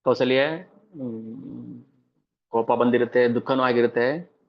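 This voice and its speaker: A man's voice: medium pitch, steady tone, takes it slowly, vocal fry. Male scripture storyteller, lo-fi sound. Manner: chants verses then explains them, asks rhetorical questions. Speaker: spiritual storyteller. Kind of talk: devotional scripture discourse.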